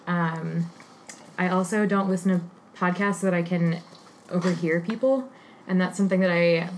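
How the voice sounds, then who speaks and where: A woman's voice: fairly low pitch, moderate pace, slight background noise, rough recording. A woman talking as a guest on a casual podcast, chatty with many ums and likes. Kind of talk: casual chat.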